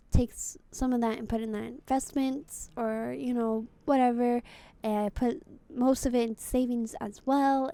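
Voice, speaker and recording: Here a VTuber, a young woman whose voice is high and mellow, gives offhand commentary on a game. She doesn't hold back, cursing freely and bluntly moving from one answer to another.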